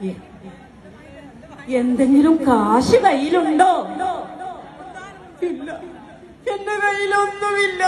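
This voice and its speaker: Woman doing a shaky old mom left on the street, high voice, slow and pleading, echoey hall with a crowd. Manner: pleading, tearful. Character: frail old abandoned mother, frightened and hungry. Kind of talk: stage skit acting. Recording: echoey hall, audience noise.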